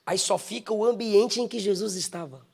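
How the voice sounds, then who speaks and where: A man from Bahia with a Bahian accent, preaching a live sermon at a church service. He builds up to shouting and sings out imitations of bell sounds. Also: high-pitched, moderate pace, gravelly. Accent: Bahian Brazilian Portuguese. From Bahia, Brazil. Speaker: pastor.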